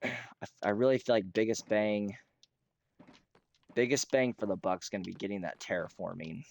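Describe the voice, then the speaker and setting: An American man with a hoarse, rough throat, chatting casually and ramblingly as he hosts a gaming livestream, often clearing his throat. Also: on the low side, moderate pace. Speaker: streamer hosting a Minecraft realm.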